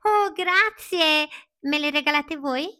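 A woman voicing a naive, eager wooden boy puppet in a high, childlike voice. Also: lively intonation, normal speed, a bit bright, no room sound, studio quality. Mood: excited.

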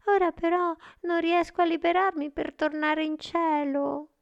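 A woman voicing a small, sweet fallen star girl in a high, light, sing-song voice for a storybook reading. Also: level tone, unhurried, gravelly, lo-fi sound, noisy background, exaggerated voice. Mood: plaintive.

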